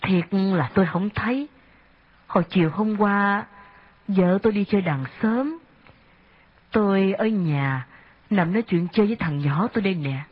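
A woman reading an audiobook, voicing a humble, grieving man who speaks slowly and haltingly through tears. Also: medium pitch, breathy edge, lightly acted. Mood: sorrowful. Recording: dull lo-fi audio.

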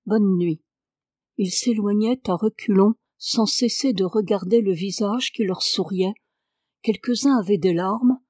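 A woman's voice: mid-range voice, unhurried, a little mellow, no room sound. Woman narrating a novel, dry sound. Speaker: audiobook narrator.

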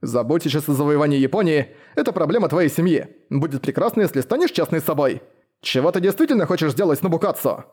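A man's voice: on the high side, lively intonation, fast, darkish tone, slightly rough. A man voicing a bold, blunt young male retainer who argues earnestly. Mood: pleading.

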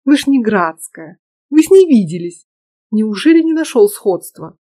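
A woman's voice: fairly high pitch, sing-song, a little slow, warm tone. A woman voicing a cocky, brash young female student who teases in a sassy, slightly raised voice. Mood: teasing. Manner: teasing, sassy.

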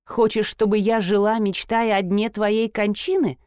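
A woman's voice: medium pitch, level tone, unhurried, a little mellow, clear, resonant tone, no room sound, studio quality, lightly acted. A woman voicing a frustrated grown daughter, an artist who squeals and pleads in a tense, strained voice. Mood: pleading.

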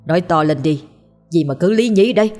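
A woman's voice: lowish voice, a little fast, darkish tone, faint music behind, lightly acted. A woman voicing a frightened older man who anxiously demands answers over a late-night phone call. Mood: alarmed.

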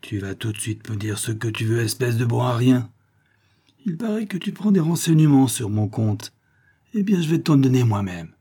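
A hulking, brutal fisherman growling threats in a raised, forceful voice, as an audiobook narrator puts him on. His tone is gruff and sneering. It carries a husky grain over a dark timbre. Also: medium pitch, sing-song, moderate pace. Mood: threatening. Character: brutal giant male fisherman, menacing. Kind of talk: audiobook reading.

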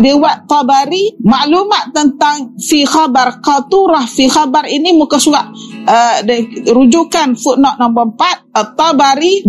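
A woman presenting an academic lecture, reading Arabic passages aloud and explaining them with rhetorical questions. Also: high-pitched. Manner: explanatory, quotes Arabic then glosses it, asks rhetorical questions.

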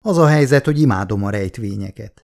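A man reading an audiobook, voicing an excitable male scientist who loves puzzles, eager and calling out high when alarmed. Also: creaky. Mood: wry.

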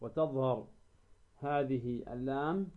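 A man teaching Quran recitation in a recorded lesson, slow and deliberate, asking questions and answering them himself, repeating example words to show how to pronounce them. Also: medium pitch. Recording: dull lo-fi recording.

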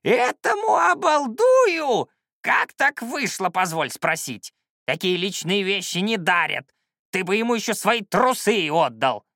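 A man voicing a scrawny, cantankerous old male shaman who yells and scolds in a creaky voice, in an audiobook. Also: high-pitched, big pitch swings, unhurried, no room sound, clean studio sound, pitched above the performer's own voice, full character voice. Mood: scolding. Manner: yelling, scolding. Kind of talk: audiobook character voice.

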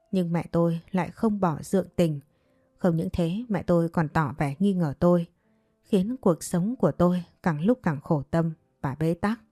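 A woman narrating a first-person story in a steady, dramatic manner. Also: fairly low pitch, no echo, studio quality.

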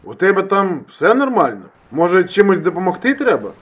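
A man voicing an agitated male friend who shouts down a phone line, pushy and swearing, in an audiobook. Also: a little high, huge pitch swings, a little fast, husky, voice pushed up, full character voice. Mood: worried pleading. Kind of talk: audiobook character voice.

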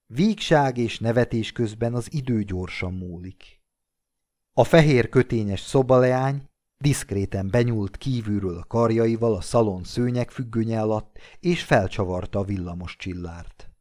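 A man reading classic literary fiction aloud, narrating in a measured, steady way. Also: on the low side. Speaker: audiobook reader.

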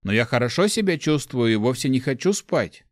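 A man's voice: mid-range voice, very animated, brisk, no room sound, studio quality, close to an everyday voice. A man voicing an earnest, eager young male adventurer who speaks politely and hesitantly.

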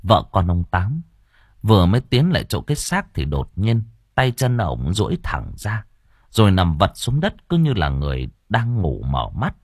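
A man narrating an audio novel with expressive storytelling. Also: sits low, moderate pace, slightly rough, no echo, clean studio sound.

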